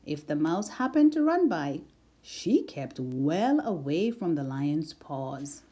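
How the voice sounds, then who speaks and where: A woman reads a children's picture book aloud as a storyteller. She goes slowly and expressively, with big swings in pitch.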